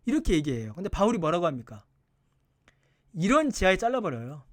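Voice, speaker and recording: A man with a high, very lively voice leads a Bible study as a pastor. He keeps asking the listeners questions and throws himself into the quoted lines. The sound is dry and close. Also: fairly quick, dry recording.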